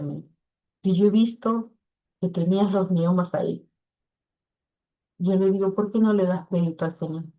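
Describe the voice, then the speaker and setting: Earnest woman on a tinny call. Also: lowish voice. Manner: earnest, quotes others in lively voices. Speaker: interviewee sharing a testimony. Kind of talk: emotional personal testimony. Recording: tinny phone-like audio.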